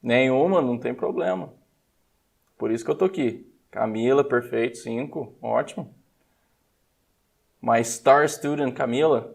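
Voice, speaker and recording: A man's voice: medium pitch, normal speed, creaky, darkish tone. A man with a Brazilian accent teaching an English exam prep class live, upbeat and coaxing, switching often between Portuguese and English. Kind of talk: live online class explanation.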